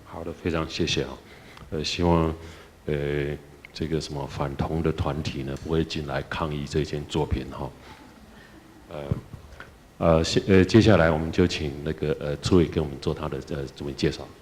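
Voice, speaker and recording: A man moderating a symposium, introducing the next speaker with halting filler sounds. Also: very deep voice, steady tone, a little mellow.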